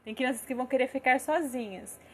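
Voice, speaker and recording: A young adult woman with a Brazilian Portuguese accent, gently explaining parenting ideas in a casual live talk, often checking in with "né?". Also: high voice, fairly quick, a little hiss or hum. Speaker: parenting educator.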